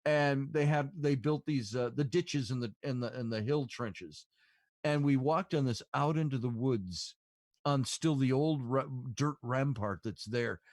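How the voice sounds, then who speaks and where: A man hosting a podcast talks a bit slowly in a slightly mellow, mid-range voice, drifting through long casual stories heavy with fillers. The sound is clean and dry, studio grade.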